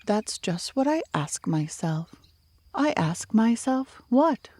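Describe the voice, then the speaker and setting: A woman playing a slow-witted, earnest male toy bear in a storybook, musing in a deliberate, puzzled way. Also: on the high side, very animated, dark tone, no echo, pitched above the performer's own voice, full character voice. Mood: mysterious pondering.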